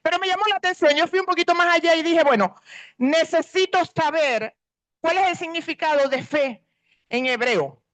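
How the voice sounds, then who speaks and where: A woman's voice: extremely high pitch, moderate pace. A middle-aged woman pastor, preaching a sermon earnestly and stretching out key words for emphasis.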